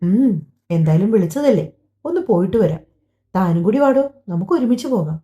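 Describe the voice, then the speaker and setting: A woman voicing a gentle, protective husband in an audiobook drama, speaking softly and affectionately. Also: medium pitch, lively intonation, moderate pace, husky. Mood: coaxing. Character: loving middle-aged husband, gentle and protective. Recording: dull lo-fi recording.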